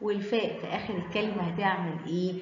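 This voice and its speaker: A woman's voice: on the low side, fairly even intonation, fast talker, a little hiss or hum. A woman with an Egyptian Arabic accent teaching children the alphabet, stretching out each letter sound in a sing-song way. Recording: echoey room, dull lo-fi sound.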